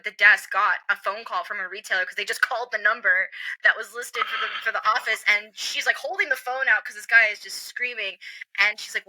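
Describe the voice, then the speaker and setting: A woman's voice: mid-range voice, no room sound, poor audio. A woman guest in a casual interview, telling work stories with many fillers and acting out quoted voices. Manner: animated storyteller, acts out quoted voices; frequent "like" and "um" fillers. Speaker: comics industry guest.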